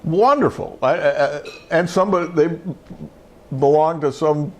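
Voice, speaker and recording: A man's voice: on the high side, moderate pace. An older man, a retired judge and show host, telling a rambling story in casual chat with many fillers and restarts.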